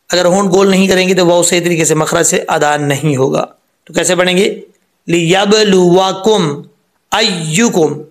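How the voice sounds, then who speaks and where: A man teaching Quran recitation, explaining each rule patiently and then drawing the words out very slowly. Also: fairly high pitch, fairly bright tone.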